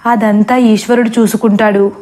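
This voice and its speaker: A woman's voice: fairly high pitch, flat delivery, normal speed, darkish tone, close to an everyday voice. A woman voicing a devout male ascetic who chants and prays earnestly in a storybook horror tale. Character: devout male ascetic, steadfast, praying to Shiva.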